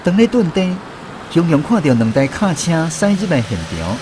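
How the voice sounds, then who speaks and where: A man with a Taiwanese accent plays a reflective troupe director in a scripted radio drama, narrating memories of his touring days in a storytelling, reminiscent manner. His voice is on the high side with big pitch swings at a normal speed. Music plays in the background, along with some noise.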